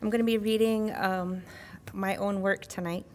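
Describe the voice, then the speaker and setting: A woman reading her own poetry in a measured, solemn manner with pauses. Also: steady tone. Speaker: poet reading own work. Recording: reverberant hall with low rumbling noise.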